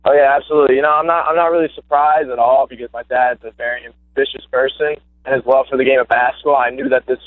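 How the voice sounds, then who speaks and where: A former high school basketball player, a young adult man, is the guest on a casual phone interview. He's a fast talker who hardly pauses, speaking eagerly with lots of fillers and restarts in a mid-range, fairly even voice. The tinny line carries no echo.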